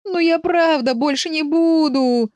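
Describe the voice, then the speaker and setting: A mischievous young raccoon whines and wails in a very high, stretched-out voice, as a woman reader acts him out. His pleas are slow and shrill, and the storybook reading is close and dry. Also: animated, a little mellow, no echo, natural voice. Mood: wailing. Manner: wailing, high and drawn out.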